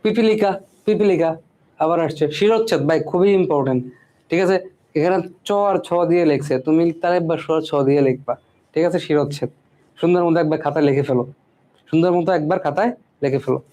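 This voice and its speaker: With a mellow, slightly high voice and a quick pace, a man runs through a spelling lesson. He says each word more than once and tacks on "ঠিক আছে?" ("right?") after nearly every point.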